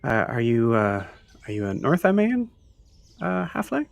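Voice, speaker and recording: A man's voice: medium pitch, wildly swooping pitch, measured pace, creaky, voice pushed up, exaggerated voice. A man voicing a friendly, hesitant female wood elf scout in a tabletop game. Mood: welcoming. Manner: hesitant, welcoming.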